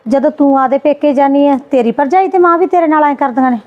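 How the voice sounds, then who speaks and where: A woman scolding her sister-in-law in a Punjabi family drama skit, indignant and quick. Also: high-pitched, lo-fi sound.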